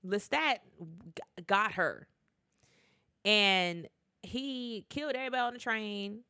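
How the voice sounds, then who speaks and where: A TV recap YouTuber with a medium-pitched, clean voice speaks slowly in a casual vlog, with clean studio sound and no room echo. She retells scenes in an animated way, acting out quotes, with plenty of fillers and restarts.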